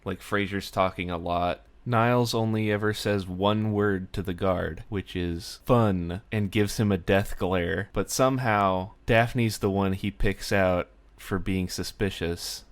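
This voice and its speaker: Smooth low-voiced man, chatty recap. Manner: chatty and wry, with frequent "like" fillers. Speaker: vlogger recapping a sitcom. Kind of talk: casual spoken recap.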